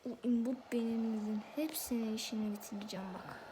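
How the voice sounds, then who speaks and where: A high-pitched woman chats her way through a football video game, excitable and quick to squabble with the referee. A faint background hiss runs under her voice. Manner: excitable, exclaims and argues with the referee. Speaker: gameplay video host. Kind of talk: live football game commentary.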